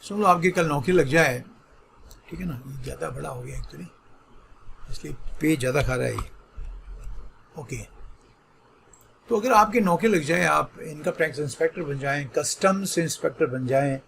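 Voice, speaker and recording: A man's voice: on the high side, moderate pace, vocal fry, pauses often, fairly bright tone, a little hiss or hum. A middle-aged man teaching an online exam-prep vocabulary lesson, explaining patiently and mixing English terms into Hindi with frequent check-ins to his students.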